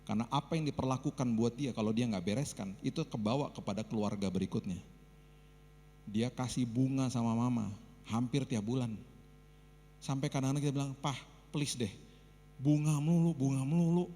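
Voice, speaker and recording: A man preaching a sermon as pastor, telling stories in a lively way and acting out the people he quotes. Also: medium pitch, a little fast, slight background noise. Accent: Indonesian. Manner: lively storytelling with acted quotes. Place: church hall. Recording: long church hall reverb.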